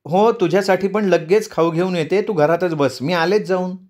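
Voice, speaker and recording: A man's voice: sits high, normal speed, voice pushed up, natural voice. A man voicing a restless, fussy old grandmother in a read-aloud story, motherly and pleading. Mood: soothing.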